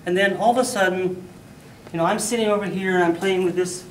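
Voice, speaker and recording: Male contest speaker telling a funny story, lively delivery, recorded far off in a roomy hall. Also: high voice, quick pace, a little hiss or hum. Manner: animated, loud bursts for sound effects. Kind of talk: humorous storytelling speech. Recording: echoey hall, mic from far off.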